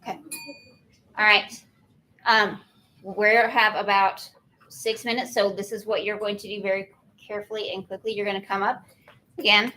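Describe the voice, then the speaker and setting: Woman, mid-pitched, firm and instructive, briefing kids before a school contest. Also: fairly bright tone, poor audio. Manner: firm, instructive, repeats rules. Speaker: spelling bee organizer. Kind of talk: giving instructions to students. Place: school event room.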